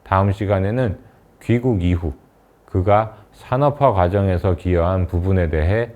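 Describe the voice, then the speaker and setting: Low-voiced man lecturing, thin phone-like sound. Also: a little mellow. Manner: measured, formal narration. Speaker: university lecturer. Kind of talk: scripted lecture.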